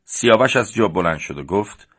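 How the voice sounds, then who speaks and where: A man narrating a story as an audiobook. He reads plainly and raises his voice for the characters' lines. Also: lively intonation. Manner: reads plainly and shifts up in pitch and loudness for the characters. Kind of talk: audiobook narration voicing the dialogue.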